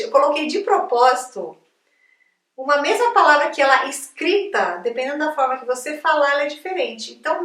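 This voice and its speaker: A high-voiced Brazilian woman teaches in a chatty, upbeat way, checking in with her viewers all the time. Her voice sits a little off the mic in an echoey room. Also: a bit bright, distant mic. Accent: Brazilian Portuguese. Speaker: English teacher. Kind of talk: casual video lesson.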